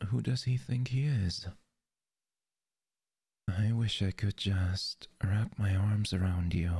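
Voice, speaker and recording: In an audio roleplay, a man plays a possessive, jealous lover, speaking softly and intimately into a close mic and often whispering. His voice sits on the low side, gravelly and slightly rough, exaggerated, with no echo.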